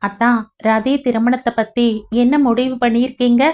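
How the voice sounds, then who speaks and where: A woman's voice: a little high, little pitch movement, normal speed, muffled recording, natural voice. A woman reading the part of a playful young wife who teases her husband, voice raised above her narration. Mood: teasing. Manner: teasing, affectionate.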